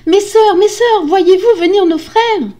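Terrified young wife, done by a woman in a fairy-tale reading, high, shaky, pleading. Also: big pitch swings, normal speed, mellow. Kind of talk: storybook reading.

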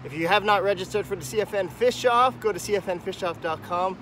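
A man in his thirties talks straight to a handheld camera at arm's length, upbeat and explanatory as he teaches a fishing technique. His voice sits fairly high for a man. Faint outdoor stream noise runs behind him by a wooded creek. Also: fast. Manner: upbeat, explanatory, talking to camera while walking. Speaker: fishing vlogger host. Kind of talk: outdoor fishing tutorial vlog. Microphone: phone or camera at arm's length.

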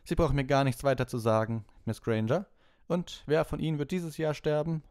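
A man voicing a strict older female witch teacher in an audiobook, speaking crisply and sternly with dry sarcasm. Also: fairly high pitch, steady tone, brisk, darkish tone, dry recording, voice pushed up, lightly acted. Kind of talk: audiobook character voice.

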